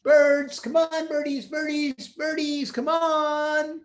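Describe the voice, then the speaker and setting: A man voicing a tender-hearted, excitable young boy hero in a children's story, exclaiming and fretting as he coos at small animals. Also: very high-pitched, measured pace, pitched above the performer's own voice. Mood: calling out.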